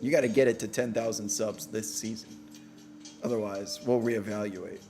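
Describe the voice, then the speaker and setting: A man's voice: lowish voice, steady tone, music in the background. A man with a New York accent hosting a casual livestream, joking and swearing as he answers viewers. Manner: joking, profane, quick banter. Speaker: host.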